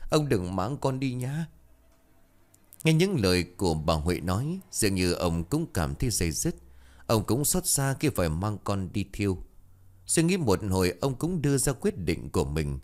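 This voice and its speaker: A man narrating a ghost story in a solemn, expressive reading style. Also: low voice, moderate pace.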